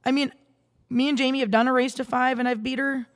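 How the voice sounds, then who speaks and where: A woman's voice: high-pitched, flat delivery, fast talker, long reverb tail. A woman guest in a podcast studio telling stories in casual chat, rambling with many restarts and fillers. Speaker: guest, salon owner and darts player.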